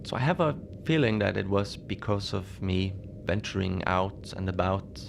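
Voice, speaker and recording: A man narrates a cozy horror fiction podcast as a lonely, mild polar station keeper telling strange tales, treating odd events as everyday matters. His low, gravelly voice is full of fry, and he speaks haltingly and conversationally with small hesitations, in a wistful, musing mood. A steady, clearly audible noise sits behind him.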